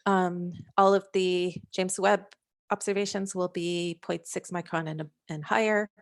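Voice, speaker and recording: A woman scientist presenting slides over a video call, talking in a halting way with frequent fillers and restarts. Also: fairly low pitch, fairly even intonation. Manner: hesitant, many fillers and restarts. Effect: heard over a video call. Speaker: scientist presenting a working-group overview.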